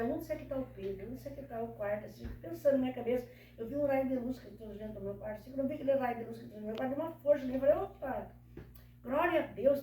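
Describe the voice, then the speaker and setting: A woman's voice: fairly high pitch, warm tone. An older woman telling her life story in casual talk, devout and often quoting prayers and her grandmother. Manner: devout, retells prayers and quotes elders. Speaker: interviewee. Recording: echoey room from far off.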